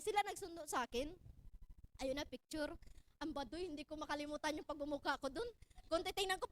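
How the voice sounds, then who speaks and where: A young woman from Cebu telling her own story to an audience in a lively, laughing way, often raising her voice to exclaim. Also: very high-pitched, a little hiss or hum. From Cebu, Philippines. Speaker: speaker sharing her story.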